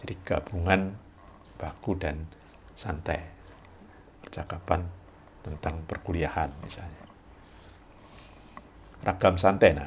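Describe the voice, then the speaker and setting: A man giving a recorded university lecture, explaining slowly with frequent tag words and pausing to read examples aloud. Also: low voice, gravelly, a little hiss or hum. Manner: explains slowly with many "ya" tags and reads examples aloud with deliberate pauses.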